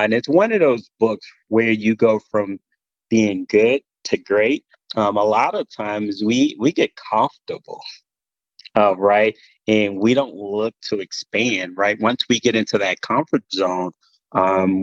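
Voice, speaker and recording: Low-voiced Southern man, halting drawl. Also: no room sound, lo-fi sound. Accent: Southern US, Mississippi drawl. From Mississippi, USA. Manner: halting, many pauses and repeated words. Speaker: podcast guest, military senior leader. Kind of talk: casual interview conversation.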